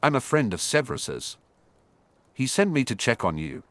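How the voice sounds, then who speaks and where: A man voicing a falsely friendly adult male dark wizard who calls out in a sing-song, coaxing way. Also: mid-range voice, big pitch swings, moderate pace, dry recording.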